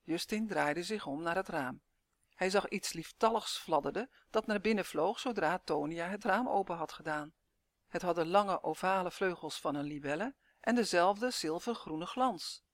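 A woman's voice: fairly low pitch, moderate pace, no echo. Woman reading a children's story aloud. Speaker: narrator.

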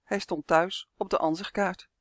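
A narrator reading a children's fantasy story aloud in a lively, expressive storytelling manner. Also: medium pitch, normal speed, no room sound, clean studio sound. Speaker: audiobook narrator.

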